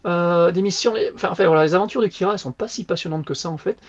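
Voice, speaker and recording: Man, podcast co-host, casual book review, slangy and animated, fairly high voice, muffled lo-fi sound. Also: rapid-fire, crowd noise.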